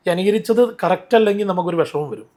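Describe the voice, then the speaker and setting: A man telling stories in an interview, animated and rambling, often restarting his sentences. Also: high voice, fast. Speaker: interview guest, mimicry artist. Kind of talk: casual interview storytelling.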